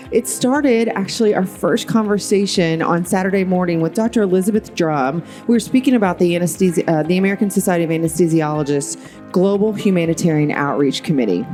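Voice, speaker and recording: A woman's voice: fairly low pitch, lively intonation, fairly quick, warm tone, soft background music. A woman hosting a conference podcast, upbeat and encouraging as she interviews guests. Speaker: podcast host.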